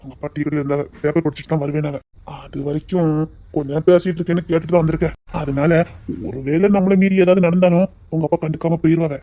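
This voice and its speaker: This woman's voice is low, steady and fast, natural-sounding but captured in dull audio. She plays a young man courting his sweetheart in an amateur romantic drama, lilting and teasing at first, then turning softly tender.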